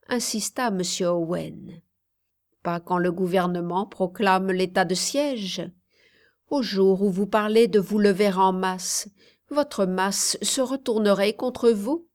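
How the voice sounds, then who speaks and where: A woman reading a novel aloud in slow, measured narration, raising her tone for the dialogue. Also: mid-range voice. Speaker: audiobook reader. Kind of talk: scripted narration.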